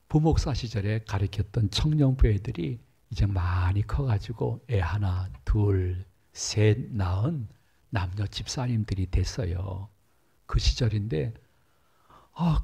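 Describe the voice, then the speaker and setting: A man's voice: gravelly, dark tone, breathy edge. A middle-aged male pastor preaching in a church, telling a story and acting out the voices in it. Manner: storytelling, acts out dialogue with big pitch jumps. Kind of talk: sermon. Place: church sanctuary.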